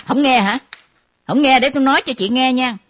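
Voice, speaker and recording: An actress playing a nosy younger female friend who teases and mocks in a lively way. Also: high-pitched, a little fast. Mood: teasing. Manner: teasing, lively, mimicking. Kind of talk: comedy sketch acting. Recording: dull lo-fi recording.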